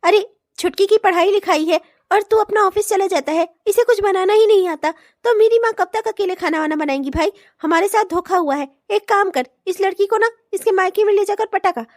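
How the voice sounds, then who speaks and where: A woman's voice: very high voice, fairly quick, hardly any pauses, dry recording, clean studio sound. A woman voicing a bratty teenage sister-in-law in a comic cartoon, teasing and sarcastic with frequent giggles. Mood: taunting.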